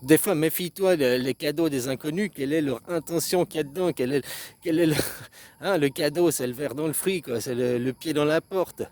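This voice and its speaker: A man's voice: a little high, moderate pace, a little mellow. A man in a casual philosophical monologue, rambling and repeating himself, tagging short questions onto his phrases and acting out little example phrases in shifting tones.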